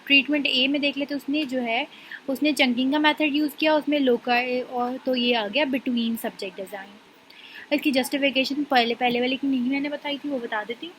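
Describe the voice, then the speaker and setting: Young woman tutoring, high voice, quick explaining then slow careful reading, faint hiss behind. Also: fairly bright tone, rough recording. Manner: reads English definitions slowly, explains in quick Urdu with restarts. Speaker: tutor explaining an assignment solution. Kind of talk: casual tutorial walkthrough.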